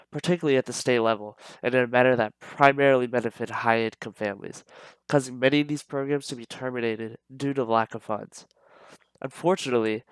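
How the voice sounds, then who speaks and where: A young man with a slightly nasal, stuffed-up voice reads a persuasive speech for a class. His tone is smooth and clean despite the congestion, and the dry recording has no room sound around it. He keeps an earnest, steady pace with small stumbles. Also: medium pitch, dry recording, rough recording. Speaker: student giving a speech. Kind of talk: reading a prepared persuasive speech.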